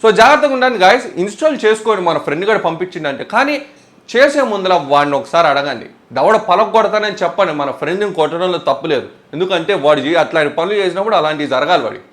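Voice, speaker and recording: A young man, hosting a casual tech vlog in a chatty, animated way and mixing in English words. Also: high-pitched, rapid-fire. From India. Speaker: tech YouTuber.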